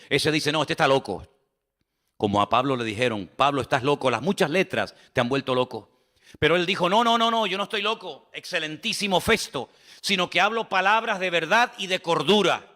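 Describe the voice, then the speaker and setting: A man, a pastor preaching a sermon, swinging between loud rises and low drops and acting out the words of Bible figures.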